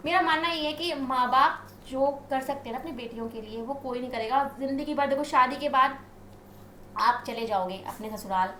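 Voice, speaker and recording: A woman guest in a casual interview, talking a lot and telling animated stories about her marriage. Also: high-pitched, moderate pace, roomy sound, a little hiss or hum. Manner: talkative, animated storytelling.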